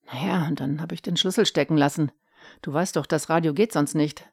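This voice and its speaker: A woman's voice: low-pitched, fairly even intonation, brisk, breathy edge, no echo, studio quality. A woman doing a wheedling sheepish husband. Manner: wheedling, hasty, coaxing. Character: sly, sheepish middle-aged husband, man.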